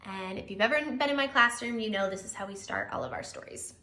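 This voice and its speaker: Leading a children's story time, a preschool teacher speaks in an animated, expressive way with a mid-range voice at a quick pace. The room is roomy and echoey.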